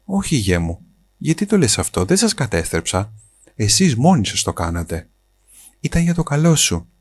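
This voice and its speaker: A man's voice: medium pitch, big pitch swings, voice pushed up. A man reading a shrewd elderly mother. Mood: calm.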